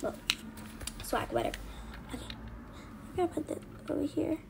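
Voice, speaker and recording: A high-pitched woman with a gravelly edge narrates doll play, her voice leaping up and down. She rambles casually and keeps brushing things off. The home recording carries steady background noise and small clicks. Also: moderate pace. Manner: rambling, shrugging things off with "whatever". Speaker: video creator.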